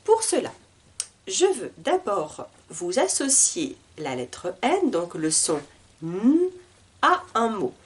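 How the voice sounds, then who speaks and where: A woman leads a reading lesson at a very slow, deliberate pace, spacing out each syllable. Her pitch moves a lot between instructions and drilled sounds. She speaks as a patient teacher guiding learners. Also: huge pitch swings, darkish tone. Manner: articulates syllables slowly and carefully, drilling them one by one; talks over a board, guiding learners.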